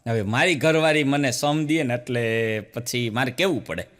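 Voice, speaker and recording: A man with a Gujarati accent telling folksy comic stories as a stand-up comedian, animated, jumping up to a higher pitch when he voices the women in his jokes. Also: normal speed.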